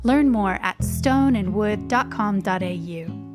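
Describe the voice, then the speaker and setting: Woman podcast host, measured sponsor read, mid pitch, guitar bed. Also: expressive. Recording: ad read over guitar music. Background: guitar music.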